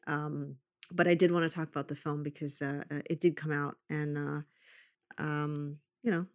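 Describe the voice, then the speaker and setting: A woman hosting a podcast in casual chat, telling stories in an animated way, quoting herself and swearing freely. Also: sits low, moderate pace, dry recording, studio quality. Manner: animated storytelling with self-quotes, swearing. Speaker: podcast host.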